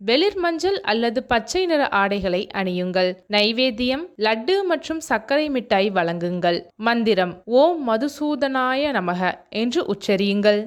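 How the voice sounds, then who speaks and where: Lively higher-pitched woman narrating. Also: clear, resonant tone. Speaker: narrator of a devotional video. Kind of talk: scripted voice-over narration.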